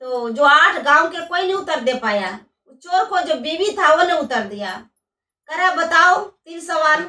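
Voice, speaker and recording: High bright woman telling a folk tale. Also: lively intonation, normal speed, roomy sound, distant mic. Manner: rustic, repetitive oral storytelling, acting out dialogue. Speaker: storyteller.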